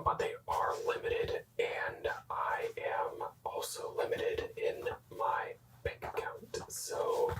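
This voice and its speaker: A young adult whispering in a soft, unvoiced ASMR style, slowly repeating words and rambling through casual, self-correcting asides. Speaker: ASMR creator showing hockey jerseys. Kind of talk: whispered ASMR show-and-tell. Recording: echoey room, voice distant from mic.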